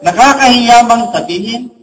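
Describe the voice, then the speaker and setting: Man playing a modest old sacristan, high voice, plain and humble, faraway church sound. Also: moderate pace, fairly bright tone, far from the mic, rough recording. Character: humble, unschooled old male sacristan turned rich.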